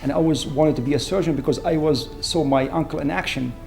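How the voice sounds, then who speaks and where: A man, a surgeon speaking in an earnest, measured way in an interview. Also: fairly high pitch, creaky. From Syria. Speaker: award-winning trauma surgeon. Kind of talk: reflective interview. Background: soft background music.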